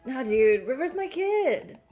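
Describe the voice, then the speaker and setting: A woman's voice: high-pitched, sing-song, unhurried, mellow, a little hiss or hum. A woman voicing a laid-back surfer bro dad while reading a dating game aloud, drawling and calling people bro and dude. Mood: easygoing.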